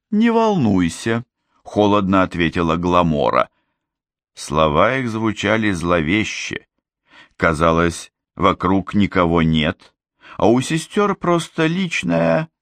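Low male narrator, even reading, dry close sound. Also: gravelly, dry recording. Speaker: audiobook narrator. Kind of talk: scripted narration.

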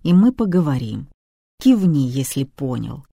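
The audiobook narrator voicing a huge male detective who barks orders and threatens slowly. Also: medium pitch, very animated, gravelly, dark tone, no echo, clean studio sound, exaggerated voice. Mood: gruff menacing. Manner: barking orders, slow and threatening. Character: huge menacing male detective, gruff and blunt.

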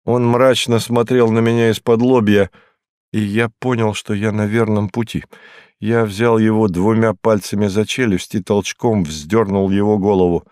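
A man narrating a detective novel in the first person, in a calm, measured reading. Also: lowish voice, clear, resonant tone, no room sound, studio quality. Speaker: audiobook narrator.

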